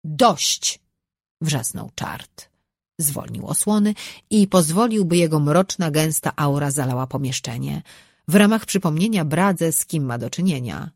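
Audiobook narrator, fantasy reading, husky mid-pitched voice, dry close recording. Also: lively intonation, normal speed, darkish tone, dry recording.

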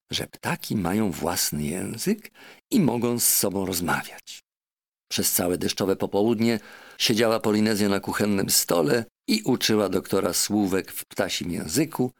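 A man narrating a children's novel as an audiobook, with an expressive, measured storytelling manner. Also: on the low side, gravelly.

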